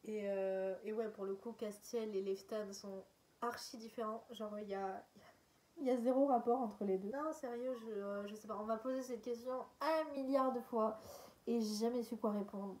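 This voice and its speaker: A young woman's voice, pitched a little high, in a relaxed and rambling vlog chat. She answers viewer questions with lots of hesitation and filler words, laughing softly now and then. Her delivery is informal and meandering. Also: normal speed. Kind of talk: casual chat.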